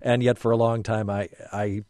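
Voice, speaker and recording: A man hosting a call-in radio show in a low, mellow voice, recorded close and dry. He speaks in a measured way and thinks aloud as he goes, sometimes restarting a phrase. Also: flat delivery, no room sound. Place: radio studio.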